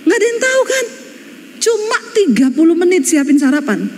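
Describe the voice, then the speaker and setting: A woman's voice: very high voice, fairly quick. Woman preaching in a reverberant hall. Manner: lively, emphatic preaching with folksy humor. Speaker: pastor. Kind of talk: sermon. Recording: long church hall reverb.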